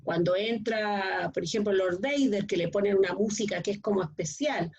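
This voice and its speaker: A woman's voice: mid-range voice, normal speed, darkish tone, slightly rough. A middle-aged woman, teaching a class and often checking if students follow. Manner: explains with frequent checking questions. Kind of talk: online class lecture. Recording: dull lo-fi online class audio.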